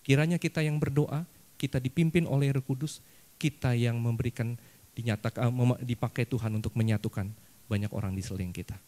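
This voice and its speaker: A man's voice: mid-range voice, fairly even intonation, a little fast, warm tone. A male pastor preaching a sermon and telling a personal story with humor, often addressing the congregation directly. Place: church service.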